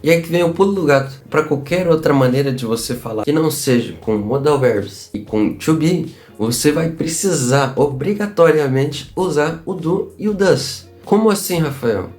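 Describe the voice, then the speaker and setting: A Brazilian man giving a casual online English lesson, upbeat and chatty, slowly repeating examples. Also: a little high, a little mellow, faint music behind. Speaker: English teacher.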